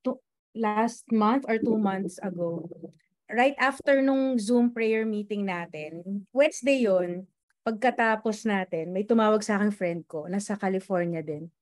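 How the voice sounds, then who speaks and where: A woman's voice: medium pitch, a little slow, a little mellow, no room sound. A woman with a Filipino accent, a prayer group member earnestly sharing a testimony on a video call. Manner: earnest, mixing in English, with restarts.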